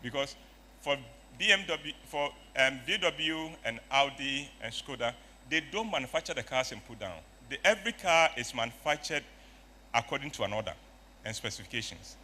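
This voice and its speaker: An older man speaks from a conference stage and tells his story with a lively, swooping voice. His tone is bright and forceful, and he acts out each line of dialogue. A faint hum of the room sits behind him. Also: mid-range voice, normal speed. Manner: animated storyteller acting out dialogue, bursts of shouting. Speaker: motivational speaker.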